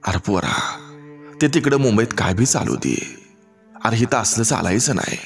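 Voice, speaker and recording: A man's voice: on the low side, lively intonation, normal speed, creaky, soft background music. A man voicing an angry rural father who scolds in rustic village dialect, within a storybook reading. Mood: scolding.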